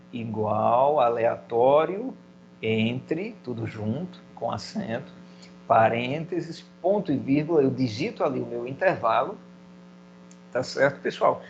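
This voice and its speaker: A man's voice: mid-range voice, lo-fi sound, slight background noise. A man teaching a recorded video lesson, explaining step by step and putting questions to himself in his students' voice. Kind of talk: video lecture.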